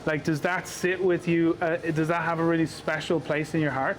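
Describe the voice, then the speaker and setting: Easygoing high-voiced male interviewer. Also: little pitch movement, normal speed. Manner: curious, easygoing questioning. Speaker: host, interviewer. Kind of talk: casual interview. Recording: loud background noise.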